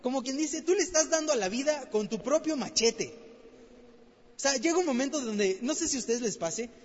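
A man's voice: extremely high pitch, animated, moderate pace. A man preaching a conversational sermon, asking rhetorical questions and repeating phrases for emphasis. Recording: long hall reverb, dull lo-fi sound.

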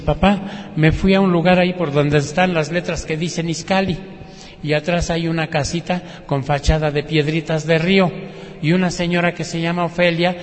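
A man's voice: a little high, in a large hall. A man with a Mexican Spanish accent giving a spoken religious testimony, telling his story and acting out other people's words. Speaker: testimony speaker.

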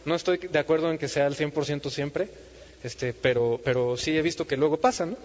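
Preacher in a reverberant hall. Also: male voice, on the high side, a little fast. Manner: conversational, many fillers and restarts. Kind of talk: informal sermon. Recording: muffled audio with long hall reverb.

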